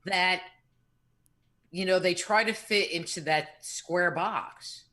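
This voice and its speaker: Bright-toned, rambling woman co-host. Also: on the low side, slow pace. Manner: rambling and reflective, with many restarts. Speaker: radio show co-host. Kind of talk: casual live radio chat.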